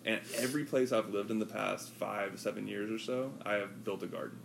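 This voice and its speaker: A man chatting casually on a podcast, relaxed and rambling with lots of fillers. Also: fairly low pitch, fairly quick, gravelly, background noise. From US West Coast. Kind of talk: casual chat.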